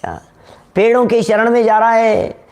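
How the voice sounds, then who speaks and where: A man giving a devotional sermon, asking his listeners questions and sometimes singing verses slowly. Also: very high voice, fairly even intonation, gravelly, a little mellow. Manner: rhetorical, questions the audience, sings verses slowly. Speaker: Jain preacher.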